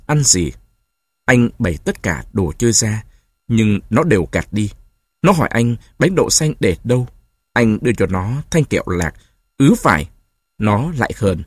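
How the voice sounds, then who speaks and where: Man, audiobook narration, expressive, animated pitch, dry sound. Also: no echo. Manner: expressive storytelling, varied pitch.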